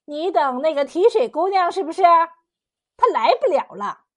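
A scheming old goddess queen, as a woman storyteller puts her on, full of false sweetness and coaxing charm. The voice sits high and bright. It pushes forward a little louder than the narration around it. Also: sing-song, moderate pace. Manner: sweet-talking, sly and coaxing. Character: scheming elderly female Queen Mother goddess.

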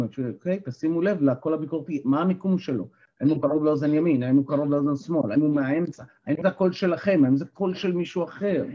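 A man, an NLP coach and therapist, giving an animated workshop talk and asking the group questions. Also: on the high side, breathy edge, dull audio.

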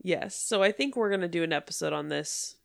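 Congested woman podcaster, lowish clear voice. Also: animated, brisk. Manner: giggly, frequent filler "like". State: congested with a cold, blocked nose. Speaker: podcast host. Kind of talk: casual podcast chat.

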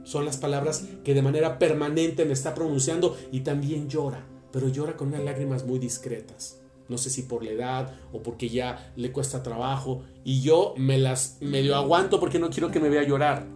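A man's voice: medium pitch, steady tone, normal speed, darkish tone, reverberant, soft background music. Earnest man giving a spiritual talk. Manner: earnest, intimate, addresses the listener directly. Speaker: religious speaker.

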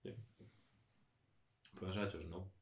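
A man's voice: sits low, little pitch movement, creaky, echoey room, recorded from a distance. A man co-hosting a casual podcast chat, teasing and firing off questions. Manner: quick, teasing, asks many questions. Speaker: podcast co-host.

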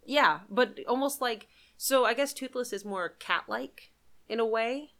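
A woman's voice: a little high, measured pace, a bit bright. A woman co-hosting a podcast in casual chat, talkative, laughing often and trailing off mid-sentence. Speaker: podcast co-host.

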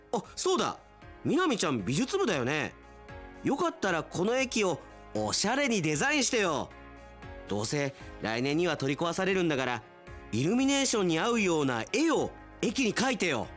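In a theatrical, expressive radio drama style, a man with a slightly high voice plays an earnest, sentimental young railway station worker.

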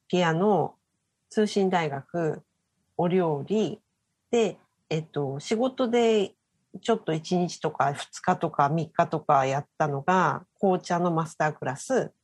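A woman's voice: low voice, darkish tone, slightly rough. A woman co-hosting a podcast in casual chat, listening attentively and nodding along often. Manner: attentive, frequent back-channel nods. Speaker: podcast co-host.

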